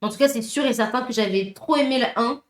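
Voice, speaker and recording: A chatty woman co-hosts a live debate stream in an animated way. Her voice sits high, and the room adds a clear echo. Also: fast. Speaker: co-host.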